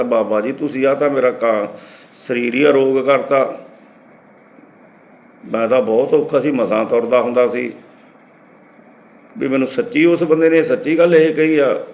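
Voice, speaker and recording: A man's voice: medium pitch, vocal fry. A man preaching to a congregation, telling a story and acting out the people in it. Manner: lively storyteller acting out dialogue. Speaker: Sikh preacher. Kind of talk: storytelling sermon.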